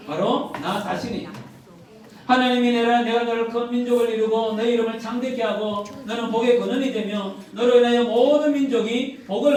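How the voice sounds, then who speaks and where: A man in his fifties preaching a church sermon, earnest, often putting rhetorical questions to the congregation. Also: very high-pitched. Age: 50s. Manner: filler "어때" often. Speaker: pastor. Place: church sanctuary. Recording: very echoey, from a distance.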